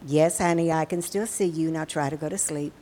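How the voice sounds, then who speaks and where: A woman voicing a gentle father who comforts his daughter in a soft, slow, soothing voice. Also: low-pitched, fairly even intonation, pitched below the performer's own voice, lightly acted.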